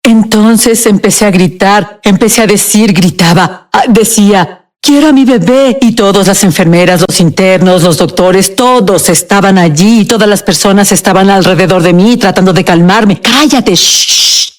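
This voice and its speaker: Woman guest recounting her story, halting and emotional, mid pitch. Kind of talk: personal testimony in a TV interview, Spanish dub.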